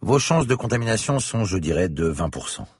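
A man's voice: lowish voice, very animated, fairly quick, breathy edge, dry recording, clean studio sound, voice pushed up. Man playing a pedantic, lecturing professor. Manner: lecturing, precise. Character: grave, pedantic male parasitology professor.

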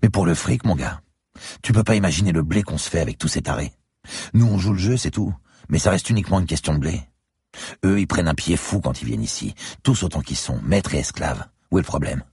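A man voicing a tough, foul-mouthed woman bar owner in a thriller audiobook, speaking shrill and loud. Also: expressive, brisk, breathy edge, dry recording, studio quality, full character voice. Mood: blunt.

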